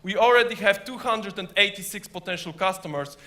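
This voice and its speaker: Man, high-pitched, bright forceful tone, rehearsed founder pitch. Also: brisk. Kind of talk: rehearsed competitive startup pitch.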